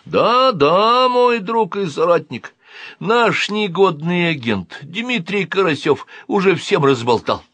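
A man's voice: sits high, expressive, slow, fairly bright tone, dry recording, pitched above the performer's own voice, full character voice. A smug alien security major who talks down in soothing, patronizing tones, as a man reading an audiobook puts him on. The voice sits well above the reader's own and moves a lot. The recording is dry and close. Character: smug alien security major living inside a boy's head.

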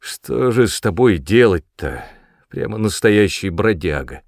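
A man voicing a gruff police sergeant who shouts orders across a river. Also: lowish voice, animated, unhurried, no echo, studio quality. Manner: loud shouting and commanding.

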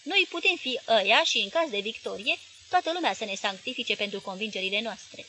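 A woman's voice: a little high, expressive, pushed and bright, husky, full character voice, poor audio. A woman reading the lines of a tense, decisive male newspaper owner in an audiobook, urgent and commanding. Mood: resolute.

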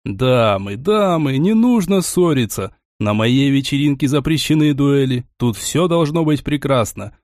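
A fussy, fast-talking male marquis, as the male narrator plays him, hurrying to calm everyone down. He speaks in quick, pleading bursts. The audiobook sound is dry. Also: mid-range voice, no echo, close to an everyday voice. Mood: placating. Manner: rapid, placating, fussy.

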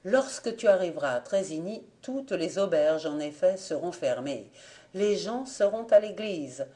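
Sly old blind guy, read by a woman, calm and wry, mellow voice. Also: on the low side, unhurried. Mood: instructive. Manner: calm, gently ironic. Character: sly old blind man, wise and ironic.

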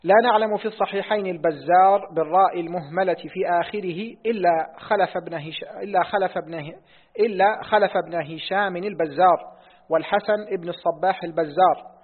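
Brief: male student reciting a text in a lesson, husky voice, tinny hall recording. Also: high-pitched. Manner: reads quickly, repeats lines on request. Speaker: student reading the text aloud. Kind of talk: reading a hadith text in class. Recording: tinny phone-like audio in a reverberant hall.

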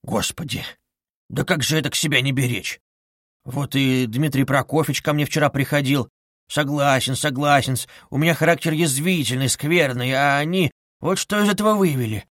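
A man's voice: medium pitch, moderate pace, fairly bright tone, no room sound, clean studio sound, natural voice. A man voicing a sly, fawning middle-aged male investigator who wheedles and needles with ingratiating asides. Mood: insinuating.

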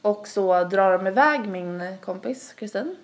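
A woman's voice: mid-range voice, animated. A young woman, rambling through a long story in casual podcast chat, full of fillers. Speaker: podcast host.

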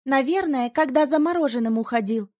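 A woman's voice: sits high, a little fast, darkish tone, pitched above the performer's own voice, lightly acted. A woman reading an audiobook, voicing an eager, romantic young female friend in a raised, lighter voice.

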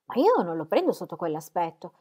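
A woman reading aloud voices a sharp-tongued society lady who gossips and teases. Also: fairly low pitch, sing-song, breathy edge. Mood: mocking. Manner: teasing, mocking, quick remarks.

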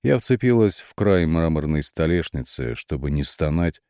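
A man narrating an audiobook in the first person, with lively, wry storytelling and shifting emphasis. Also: rumbling low, moderate pace, no room sound, clean studio sound.

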